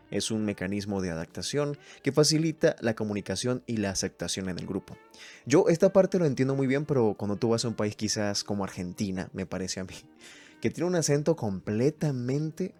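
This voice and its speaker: A man's voice: fairly low pitch, a little mellow. A man from Venezuela hosting a solo podcast, thinking aloud as he reads points from a list and comments on each one. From Mérida, Venezuela. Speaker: podcast host. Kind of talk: solo reflective podcast chat.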